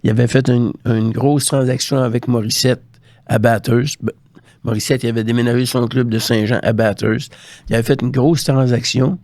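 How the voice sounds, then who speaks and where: Here an older interview guest, once a hockey scout, recounts career anecdotes in a Quebec French accent, casually voicing the dialogue of old conversations. His mid-range voice stays steady and a little mellow at a normal speed, with no echo.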